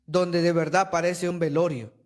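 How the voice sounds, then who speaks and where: A man's voice: on the high side, fairly even intonation, normal speed. A man preaching a sermon in a church with emphatic, rhetorical delivery, addressing listeners as brother.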